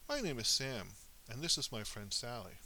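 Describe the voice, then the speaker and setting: Playful young boy, storybook voice, lively delivery; male reader. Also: mid-range voice, moderate pace, a little hiss or hum, heavily acted, rough recording. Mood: eager. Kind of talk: storybook reading.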